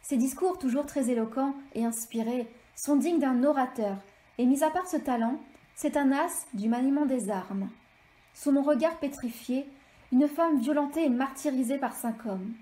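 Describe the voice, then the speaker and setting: A woman author reading an extract of her novel aloud in steady, measured storytelling. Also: high-pitched. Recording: echoey room.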